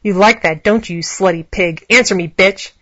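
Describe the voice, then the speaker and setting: A woman's voice: mid-range voice, normal speed, a bit bright, muffled recording, lightly acted. A woman voicing a domineering, crude man who barks harsh commands. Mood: commanding.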